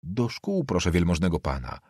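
A man's voice: low voice, huge pitch swings, normal speed, a little mellow, breathy edge, no echo, exaggerated voice. Earnest deferential boy student, a male narrator giving him voice, dry and close. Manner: polite, deferential answers. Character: poor, earnest teenage boy student, polite.

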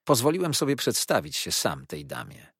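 A man voicing a calm, steady male lawyer in a storybook reading, speaking firmly with a husky voice. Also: mid-range voice, normal speed, no room sound, studio quality, pitched above the performer's own voice, heavily acted. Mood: composed.

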